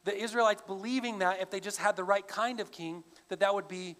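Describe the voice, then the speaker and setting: A man's voice: high voice, fairly even intonation, a little fast, a bit bright. A male pastor preaching a sermon in a conversational, explaining way. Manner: conversational, with frequent restarts. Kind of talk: expository sermon.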